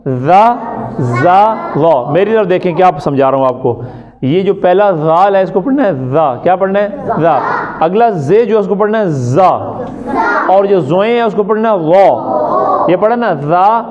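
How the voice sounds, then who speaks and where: Male recitation teacher, high pitch, call-and-answer drills, lo-fi classroom recording with students around. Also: expressive, crowd noise. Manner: drills letter sounds, asks and answers his own questions; chants recited words slowly in a sung tone. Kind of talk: classroom pronunciation lesson.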